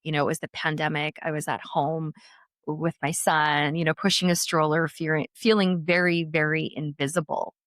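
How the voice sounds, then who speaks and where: A woman's voice: low-pitched, level tone, moderate pace, a bit bright, no echo, studio quality. A woman in her thirties hosting a podcast interview, speaking reflectively with frequent restarts. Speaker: podcast host, former news anchor. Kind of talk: conversational interview.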